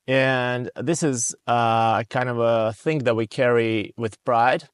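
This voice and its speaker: A man's voice: medium pitch, steady tone, slow pace, clear, resonant tone, no room sound. Male, 30s, Russian accent, non-native English; reflective podcast guest, middle register, dry room. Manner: reflective, hesitant with frequent fillers. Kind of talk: casual conversational storytelling.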